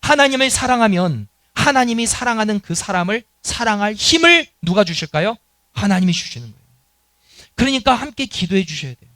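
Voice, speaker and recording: A man's voice: high-pitched, sing-song, fairly quick, pushed and bright, no echo. A middle-aged man preaching a sermon as pastor in a church, earnest, and acting out the quoted lines of dialogue. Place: church sanctuary.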